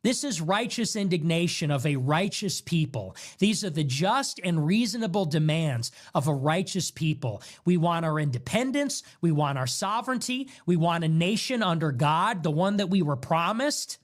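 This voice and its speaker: A man's voice: a little high, lively intonation, normal speed, few pauses. A man in an angry, profane political rant, hurling insults. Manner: furious, profane, shouting insults.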